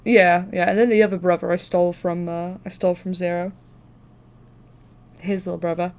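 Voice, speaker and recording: A woman's voice: on the low side, level tone, normal speed, darkish tone. A woman hosting a casual livestream, chatting in an informal, profane, talkative way. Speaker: live stream host.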